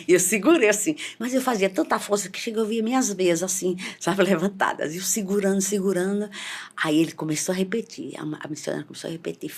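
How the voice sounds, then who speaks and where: A middle-aged woman giving an emotional church testimony, repeating phrases and rising in pitch as she relives the scenes. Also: slightly rough. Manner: repetitive, fervent, voice rising when reliving scenes.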